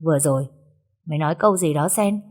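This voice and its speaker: A woman's voice: sits low, quick pace, darkish tone. Casting: woman playing a bored, irritable young rich man. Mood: irritated.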